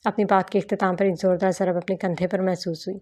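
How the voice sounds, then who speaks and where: A woman narrating a romance novel aloud in a steady, even storytelling manner. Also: fairly low pitch. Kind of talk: audiobook novel reading.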